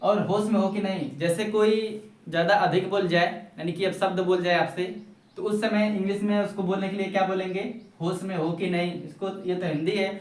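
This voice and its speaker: A man teaching spoken English in Hindi, drawing out English words slowly and repeating phrases. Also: high voice, steady tone, recorded from a distance. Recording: roomy echo, voice off-mic.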